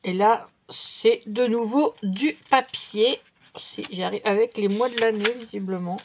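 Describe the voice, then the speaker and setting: A woman's voice: mid-range voice, a little mellow, a little hiss or hum. Chatty middle-aged woman showing craft paper. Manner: chatty and unhurried, many fillers and self-corrections. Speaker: vlogger showing craft purchases. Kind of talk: casual show-and-tell haul.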